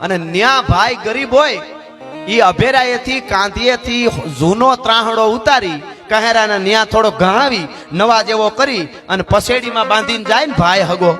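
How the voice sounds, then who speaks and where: A man telling a folk story in a dramatic storytelling style, dropping low and rising high as he narrates. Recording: music playing behind.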